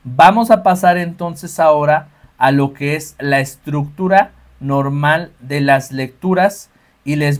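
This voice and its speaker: A man, teaching a workshop on reading scripture aloud at Mass, explaining step by step and often checking in with his listeners. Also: fairly high pitch. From Mexico. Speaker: lector trainer.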